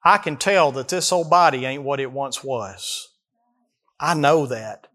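An early-forties man with a Southern accent works through an expository sermon, setting out verses and explaining them in a folksy, emphatic way while posing questions to listeners. He has a medium-pitched, somewhat bright voice and an unhurried delivery.

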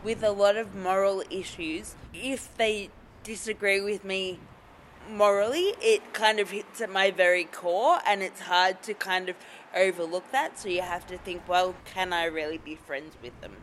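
Woman, late 20s, earnest, casual, mid pitch, faint traffic behind. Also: unhurried, a bit bright. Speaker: member of the public. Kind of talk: casual vox pop.

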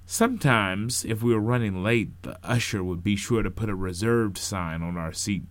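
A man narrating a first-person story in an unhurried, expressive storytelling manner. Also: fairly low pitch, no room sound.

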